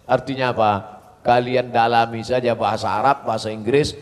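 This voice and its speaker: A middle-aged man preaching to students, telling stories in a lively, humorous, animated way. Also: medium pitch, normal speed. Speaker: Islamic preacher. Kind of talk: sermon to students. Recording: long hall reverb.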